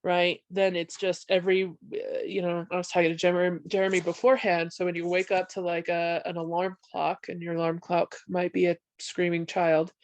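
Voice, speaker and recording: A congested woman with a slightly low voice talks in loose, rambling runs, often stopping herself and checking in with "right?". The sound is dry and close, with no room around it. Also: little pitch movement, normal speed, hardly any pauses, dry recording. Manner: rambling, many restarts and "right?" tags. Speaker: behavioral health specialist. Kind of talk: conversational panel discussion.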